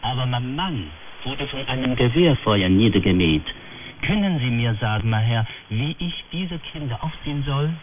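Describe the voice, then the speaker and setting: A man's voice: lowish voice, animated, unhurried, narrow, tinny audio. A man reading a radio story, voicing a young poor widow who pleads tearfully. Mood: distraught. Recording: crackly medium-wave radio broadcast.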